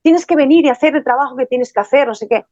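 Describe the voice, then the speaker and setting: A woman's voice: high voice, fast, darkish tone, no echo, lo-fi sound. A woman from playing an angry, insistent male sect leader who scolds and demands.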